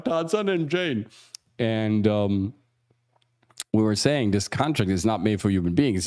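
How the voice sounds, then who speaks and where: A man hosting a casual livestream as an acting coach, rambling with many restarts and asides and jumping higher for emphasis. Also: a little mellow. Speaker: acting coach and show host.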